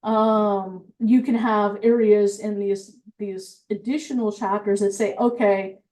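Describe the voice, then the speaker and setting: A woman's voice: medium pitch, fairly even intonation, slow, mellow. A woman compliance engineer giving a methodical technical presentation, explaining with frequent fillers, and she has the hiccups.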